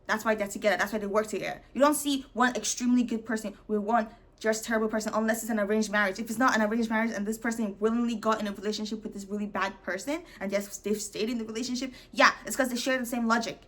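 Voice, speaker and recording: A sassy woman talks straight to camera, sharing blunt opinions in a casual monologue. She mocks other people's lines in a higher voice and laughs now and then, calling the listener "babes" as she goes. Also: fairly even intonation, fast talker, fairly bright tone. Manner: mocking quotes in a higher voice, laughs often.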